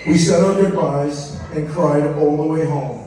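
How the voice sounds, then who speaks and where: A man's voice: a little high, measured pace, mellow. A middle-aged man, the father of the bride, tells a humorous, anecdotal story in a prepared wedding speech, acting out the remarks he quotes. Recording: echoey room, distant mic, faint noise.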